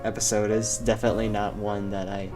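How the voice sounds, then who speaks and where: Low-voiced young man, easygoing co-host. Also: flat delivery, brisk, music in the background. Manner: hesitant, filler-heavy, easygoing. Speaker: podcast co-host. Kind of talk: casual chat.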